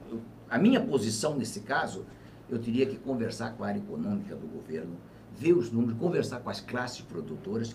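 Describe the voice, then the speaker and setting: Older man speaking from a distance. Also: medium pitch. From Brazil. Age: 70s. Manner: reflective, measured, rises to emphatic bursts. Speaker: former governor, interviewee. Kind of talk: political interview conversation. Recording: distant mic with faint ambient noise.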